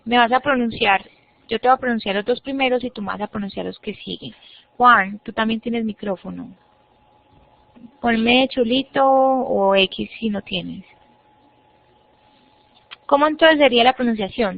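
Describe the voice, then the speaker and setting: A woman with a fairly high pitch and noticeable vocal fry teaches English online. She patiently guides her students step by step and demonstrates words for them to repeat, heard through a video-call computer mic as muffled, dry audio.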